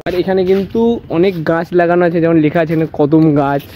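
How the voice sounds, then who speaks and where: Fast-talking young Kolkata man vlogging. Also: on the high side, steady tone, slight background noise. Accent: Kolkata Bengali. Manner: rapid chatty commentary, teasing friend. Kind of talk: casual walking vlog. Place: museum grounds in Kolkata, walking. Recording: dull lo-fi with music underneath.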